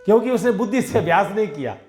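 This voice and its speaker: Lively intonation marks this high, darkish-toned man, who speaks quickly over soft background music. He's a satsang preacher delivering a devotional sermon, narrating everyday parables conversationally and voicing the dialogue himself.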